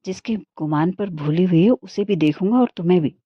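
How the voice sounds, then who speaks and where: Woman reading as a rude young village man, sharp and scolding, low-pitched voice, dull dry recording. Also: no room sound, lightly acted. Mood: angry, scolding. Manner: sharp, scolding, quick to anger.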